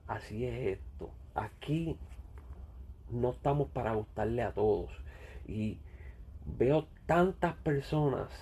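A man with a Puerto Rican accent speaks slowly in a gravelly, dark voice. He rants bluntly and profanely and keeps circling back to the same point. A faint hiss of noise sits under the recording. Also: medium pitch. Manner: blunt, profane, repetitive ranting. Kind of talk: casual rant.

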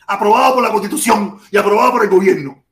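High-voiced Cuban man live-streaming, echoey room. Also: fast talker, a bit bright. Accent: Cuban Spanish. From Cuba. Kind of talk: casual live-stream chat. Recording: echoey room with faint noise.

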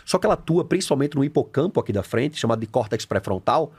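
A man with a Brazilian Portuguese accent, a coach chatting on a podcast, animated and slangy, acting out little scenes. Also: medium pitch, fast talker, husky. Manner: animated, acts out scenes with shouted quotes, slangy. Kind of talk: casual podcast conversation.

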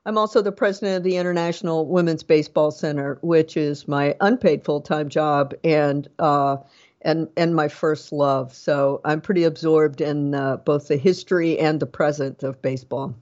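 A woman's voice: sits low, steady tone, normal speed, darkish tone, dull audio. A middle-aged woman, an author and professor, answering interview questions with many ums and restarts. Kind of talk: podcast interview.

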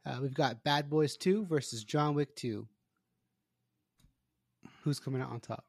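A man's voice: medium pitch, a little slow, vocal fry, no room sound, clean studio sound. A man co-hosting a casual podcast, announcing the matchups like a game show. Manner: announcer-like, runs the bracket. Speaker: podcast co-host.

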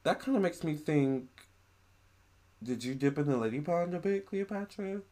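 A man in a casual monologue to camera, relaying a spirit's words in a chatty, animated way with gushing exclamations. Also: on the high side, normal speed.

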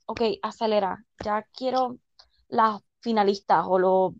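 A young woman with a Puerto Rican accent chatting casually as a podcast co-host, expressive and switching into English phrases. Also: mid-range voice, a little slow, dry recording, lo-fi sound. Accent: Puerto Rican Spanish. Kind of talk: casual chat about a reality dating show.

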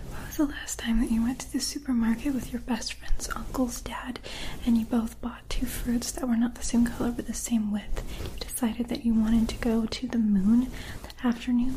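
A woman's voice: on the high side, low-quality recording. Young woman whispering close to the mic. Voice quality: soft unvoiced whisper. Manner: slow, coaxing countdowns. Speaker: ASMR creator. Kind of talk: whispered ASMR. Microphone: close mic, brushing near the ear.

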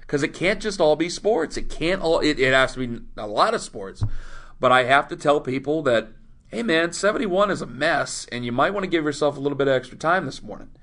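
A man, a sports radio host, telling stories in a loose, rambling way full of quick asides during a casual interview. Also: a little high, animated, a bit bright. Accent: Ohio.

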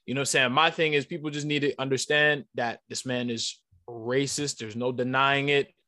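A man's voice: medium pitch, steady tone, moderate pace, pushed and bright. A man hosting a podcast, arguing his point insistently and emphatically, often repeating himself. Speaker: podcast host. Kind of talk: heated podcast debate.

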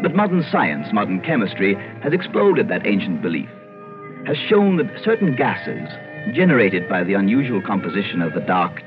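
An actor playing an idle, genteel gentleman in an old-time radio drama, polite, theatrical and given to digression. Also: medium pitch, lightly acted. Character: idle, genteel Irish gentleman narrating his eerie tale. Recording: tinny narrowband old radio broadcast.

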